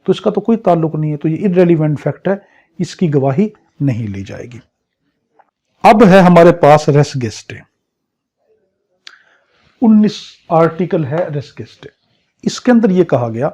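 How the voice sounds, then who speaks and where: Fairly high-pitched yet warm, a man with a Pakistani accent lectures as a law teacher for an exam crash course. He drives points in with repetition and rhetorical questions, and the muffled lo-fi audio sounds dull.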